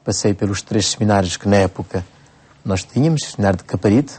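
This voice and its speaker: Mellow-voiced priest from Cape Verde, hesitant. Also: male voice, lowish voice, husky. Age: 40s. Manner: unhurried, frequent hesitations and restarts. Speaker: priest, bishop-elect. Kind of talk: radio interview answers.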